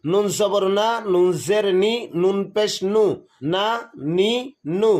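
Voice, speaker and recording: A man teaching Quran reading, slowly reciting drills of letters and their vowel sounds. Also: high voice, level tone, a little mellow. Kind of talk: slow recited lesson.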